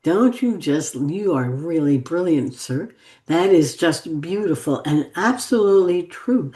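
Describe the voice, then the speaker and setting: A woman's voice: low voice, animated, unhurried, mellow. A woman hosting an interview podcast, responding to her guest in an enthusiastic and affirming way. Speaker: podcast host. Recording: roomy echo.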